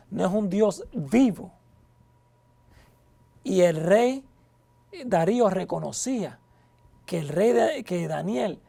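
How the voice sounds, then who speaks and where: Gravelly, slow-talking male Bible teacher. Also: sits high, mellow. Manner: reads scripture aloud, then explains it with rhetorical questions. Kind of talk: verse-by-verse Bible study.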